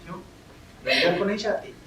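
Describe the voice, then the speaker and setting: A man playing a sardonic, lively rival. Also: high voice, brisk, vocal fry, full character voice. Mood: calm. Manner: sardonic, laughing, then calm and reflective. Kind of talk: stage play acting. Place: theatre stage. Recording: echoey auditorium, mic far from stage.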